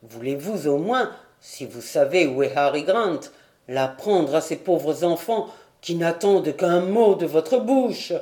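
A woman's voice: sits low, expressive, dark tone, pitched below the performer's own voice. A woman reading a grave pleading lord. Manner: grave, measured, nearly pleading. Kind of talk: audiobook character reading.

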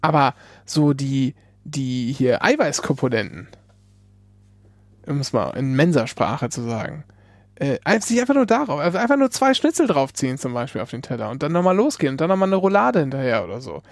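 A man in a casual podcast chat, thinking aloud in a halting way as co-host. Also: medium pitch, very animated, no room sound.

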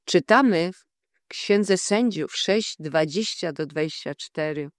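Deliberate preacher, unhurried Bible teaching, dry close-miked sound. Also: medium pitch, no room sound. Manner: slow, deliberate, measured delivery. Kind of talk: Bible teaching with scripture readings.

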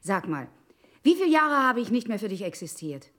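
An actress in a radio play, playing a sharp-tongued wife who answers her husband with sarcasm and defiance. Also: mid-range voice, very animated. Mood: bitter. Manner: sarcastic, quick retorts.

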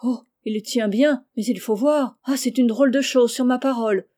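A woman's voice: on the high side, moderate pace, warm tone, natural voice. A woman voicing an earnest old servant. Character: simple, earnest old male servant up a tree.

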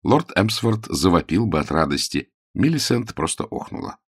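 A man reads a story aloud in a measured narrating manner and shifts his voice for each character. His voice sits very low. The recording is dry and close. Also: very animated, breathy edge, no room sound. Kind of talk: audiobook narration.

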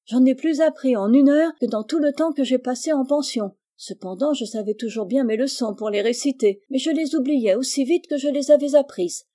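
A woman voicing an eager, affectionate little orphan girl in a storybook reading, speaking high and emphatic. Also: a little fast, hardly any pauses, dark tone, natural voice. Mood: delighted.

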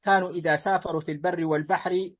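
Male student reader, fairly high voice, measured classical text reading for his teacher, deferential, lo-fi recording. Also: steady tone, husky. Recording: dull lo-fi recording.

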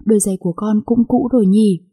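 A woman voicing a gentle, hardworking poor father who speaks tenderly and reassuringly to his daughter in a storybook reading. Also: mid-range voice, fairly even intonation, fast, breathy edge.

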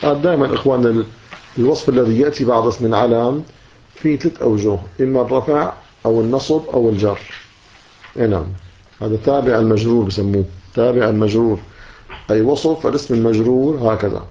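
A man's voice: mid-range voice, fast, dark tone. A man teaching a religious text, explaining each line and repeating key words, often closing a point with "yes.". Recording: dull lo-fi recording.

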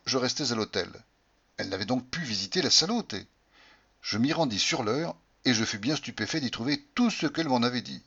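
A man's voice: medium pitch, sharp tone, breathy edge, muffled recording. Man narrating a classic novel. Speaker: audiobook narrator. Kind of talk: literary audiobook narration.

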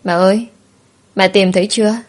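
A woman's voice: medium pitch, steady tone, normal speed, lightly acted. A woman voicing a frightened little child who pleads tearfully for her parents in a story. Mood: pleading.

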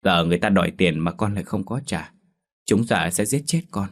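A man's voice: low voice, fairly quick. A man voicing a whiny, desperate young woman. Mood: pleading. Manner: pleading, tearful.

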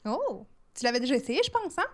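A woman's voice: high-pitched, sing-song, quick pace. A woman from Ontario co-hosting a live-stream podcast, reacting in a playful back-and-forth. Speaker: podcast co-host. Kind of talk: casual live-stream chat.

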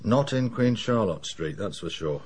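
An actor playing a middle-aged English police inspector, dry, sardonic and matter-of-fact in a radio drama. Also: male voice, fairly low pitch, animated, a little slow, darkish tone, slightly rough.

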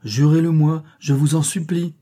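A man voicing a brave young Frenchman, speaking in a warm, vibrant voice in an audiobook. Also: on the high side, steady tone, normal speed, pitched above the performer's own voice, close to an everyday voice. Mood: earnest.

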